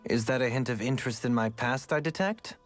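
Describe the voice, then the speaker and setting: A refined former lord in a game, gentle and a little eccentric, as a man voices him. He talks in formal, courtly phrases. His voice sits at an ordinary middle pitch. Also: fairly quick, soft background music, natural voice. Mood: reflective. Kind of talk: game character dialogue.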